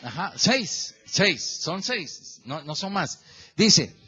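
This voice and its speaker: A man's voice: high-pitched, drawn-out words, slightly rough. A male pastor preaching a sermon, questioning the congregation and calling on members by name as he works through a verse. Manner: lively and animated, stretching the verse phrase by phrase.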